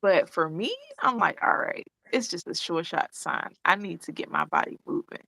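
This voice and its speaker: A woman co-hosting a casual podcast chat, talking in a relaxed, slangy way with bursts of animated emphasis. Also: lowish voice, moderate pace, gravelly, rough recording. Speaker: co-host.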